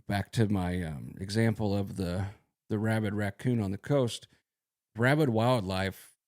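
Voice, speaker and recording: A man who works as a horse veterinarian, explaining a disease to animal owners in a relaxed, folksy podcast talk. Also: on the low side, vocal fry. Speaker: equine veterinarian.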